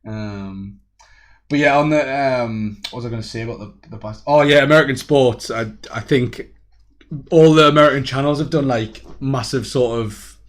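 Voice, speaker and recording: Young male host, rambling casual chat over a video call, mid-pitched. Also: moderate pace. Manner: rambling, relaxed, reads out viewer comments.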